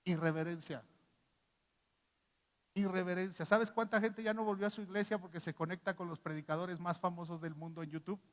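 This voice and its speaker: A man with a Mexican accent preaching a sermon as pastor, animated and firing rhetorical questions at the congregation. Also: high voice, fast, few pauses. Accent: Mexican Spanish. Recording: long reverb in a church hall.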